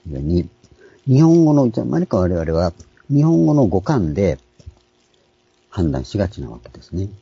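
A man, a pastor, giving a calm, explanatory sermon with frequent pauses and fillers. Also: low-pitched, gravelly, slightly rough, no room sound, dull audio. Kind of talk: sermon on scripture names.

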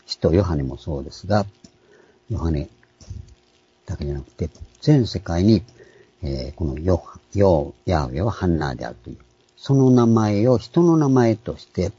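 Deep, dark-voiced man preaching. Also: moderate pace, long pauses, breathy edge, no room sound, muffled recording. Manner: calm explanatory teaching, many fillers. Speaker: pastor. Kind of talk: sermon on scripture names.

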